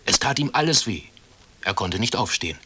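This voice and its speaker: A man reading a children's story aloud in calm, measured school-radio narration. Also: on the low side, husky. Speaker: reader.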